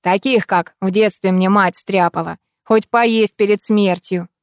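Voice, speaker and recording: A woman's voice: medium pitch, steady tone, unhurried, clear, resonant tone, no room sound, studio quality, lightly acted. Woman doing a gloomy old grandfather. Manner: grumbling, sorrowful.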